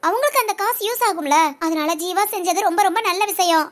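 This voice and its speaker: A woman's voice: lively intonation, fast, fairly bright tone. A woman voicing a young wife in a family audio drama, lamenting and self-pitying in a girlish voice. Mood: earnest. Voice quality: very high, girlish voice.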